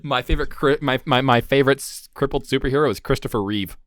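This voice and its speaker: A man's voice: medium pitch, fast, fairly bright tone, dry recording, studio quality. A man co-hosting a casual podcast, joking irreverently and laughing often. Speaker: podcast co-host.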